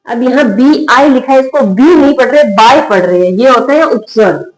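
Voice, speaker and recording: A woman's voice: sits high, moderate pace. A woman teaching a spoken English lesson, patient and repetitive, asking the viewer questions and repeating each word. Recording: echoey room.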